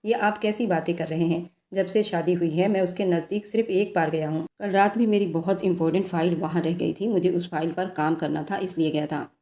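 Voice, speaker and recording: Young husband, playful and hot-tempered, read by a woman narrator, low mellow tone. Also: fairly even intonation, a little fast, hardly any pauses, natural voice. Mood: angry. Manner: playful coaxing, sharp when angry.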